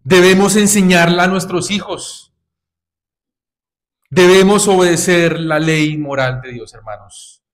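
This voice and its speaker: A man's voice: sits high, fairly even intonation, unhurried. A man preaching a sermon to his congregation, exhorting them with repeated rhetorical questions and calls of "brothers". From Colombia.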